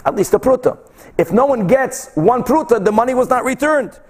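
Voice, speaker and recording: A man's voice: very high voice, lively intonation, brisk, darkish tone. A man gives a Talmud lesson. He reads from the text and explains it as he goes, posing questions, answering them himself and repeating key phrases for emphasis. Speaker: Talmud teacher. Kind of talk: religious text lesson, reading and explaining aloud.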